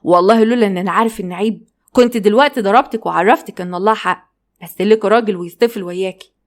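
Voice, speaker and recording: A woman with an Egyptian Arabic accent voicing a stern middle-aged father who scolds and threatens loudly. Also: medium pitch, rapid-fire, close to an everyday voice. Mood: scolding.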